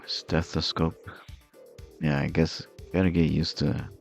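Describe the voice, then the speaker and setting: A man's voice: deep voice, steady tone, takes it slowly, vocal fry, warm tone, lo-fi sound, soft background music. A man streamer chatting casually and rambling while he draws and plays games, chuckling often. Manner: rambling and easygoing, with frequent chuckles.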